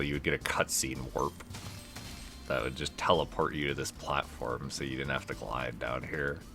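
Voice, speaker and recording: Young man, extremely low pitch, crackly fry, casual rambling game commentary, faint music behind. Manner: rambling, laid-back. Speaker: let's play host.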